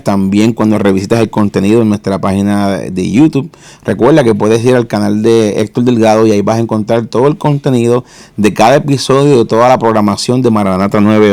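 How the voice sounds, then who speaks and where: Gravelly, low-voiced man hosting a faith show. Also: a little mellow, dry recording. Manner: fervent religious greetings, measured questions. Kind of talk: faith interview.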